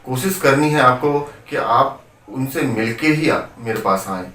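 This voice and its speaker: A man voicing a calm, firm male psychologist who gives measured, instructive orders while telling a story. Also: medium pitch. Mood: firm, reassuring. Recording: roomy, distant from the mic.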